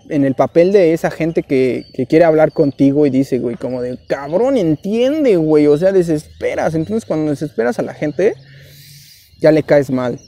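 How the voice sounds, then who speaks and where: This young Mexican vlogger, with a warm, fairly high voice and a Mexican Spanish accent, gives rambling, slangy advice in a laid-back way, dropping "güey" again and again.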